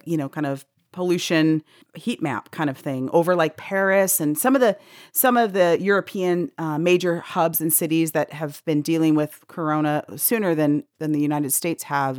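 A middle-aged woman co-hosting a casual podcast chat, animated, laughing a lot and swearing freely. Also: deep voice, normal speed, no echo, studio quality. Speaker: co-host.

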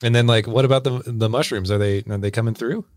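A man's voice: medium pitch, steady tone, quick pace, dry recording, studio quality. A man hosting a casual podcast from home over a remote call, leading a beer tasting with easy questions. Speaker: podcast host. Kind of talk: casual chat.

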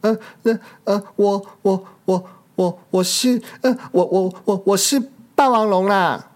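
A storyteller voicing a small, kind young pterosaur in a picture-book story, high and sweet. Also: slow pace, darkish tone, natural voice. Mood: stammering.

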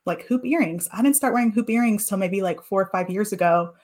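Here a woman in her thirties, appearing as an interview guest, thinks back over her past and uses many fillers. Her medium-pitched voice is a little mellow and her delivery brisk.

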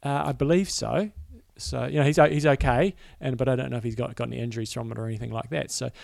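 A man's voice: mid-range voice, fairly even intonation, quick pace, vocal fry, darkish tone, no room sound, studio quality. A man with a New Zealand accent co-hosting a podcast, giving sports news in a casual, matter-of-fact way. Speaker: podcast co-host.

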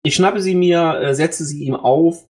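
A man's voice: on the high side, unhurried. A man playing a tabletop game, earnest and a little hesitant. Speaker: player. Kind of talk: casual tabletop play.

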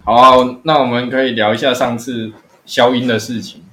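A man's voice: mid-range voice, flat delivery, moderate pace, pushed and bright, slight background noise. A young man with a Taiwanese Mandarin accent co-hosting a casual podcast, teasing, telling stories and laughing often. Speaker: podcast co-host. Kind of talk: casual chat.

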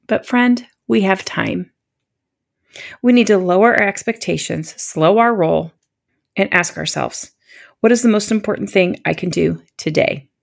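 A woman in her fifties hosts her own podcast and talks straight to the listener. Her voice sits at an ordinary middle pitch with a gravelly edge of fry. She sounds gentle, encouraging and confiding. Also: unhurried. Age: 50s. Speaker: podcast host. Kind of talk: warm solo podcast talk.

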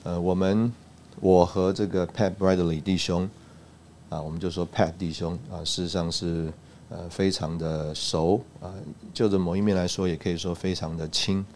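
A man from Taiwan recounting a personal church testimony, halting, with frequent "uh" and "ah" fillers. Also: deep voice, level tone, darkish tone, a little hiss or hum. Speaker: church speaker giving a testimony.

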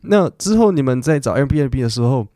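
A man hosts a relaxed podcast lesson and talks his way through English words, with plenty of fillers. His voice is mellow and warm, in a middle register. The recording is dry and close to the mic. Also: medium pitch, moderate pace, no room sound. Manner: chatty, explains English words in Mandarin with many fillers. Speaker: podcast host and English teacher.

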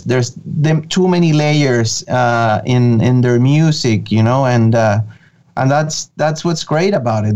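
A man's voice: medium pitch, darkish tone, lo-fi sound. A man, talking eagerly as an interview guest, with many fillers and restarts. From Venezuela. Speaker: guest, creative director of an animation studio. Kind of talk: casual interview.

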